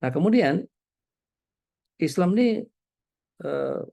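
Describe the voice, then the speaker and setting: A man from Indonesia giving a relaxed, conversational religious lecture, telling stories and often pausing with small hesitations. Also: on the high side, gravelly. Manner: relaxed, storytelling, frequent hesitations. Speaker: Islamic preacher.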